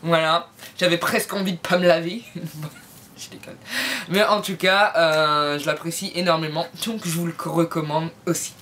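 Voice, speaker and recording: A woman's voice: lowish voice, fairly even intonation, normal speed, fairly bright tone, a little hiss or hum. A woman reviewing beauty products in a casual vlog from home, talking to viewers with playful, jokey asides. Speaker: beauty vlogger.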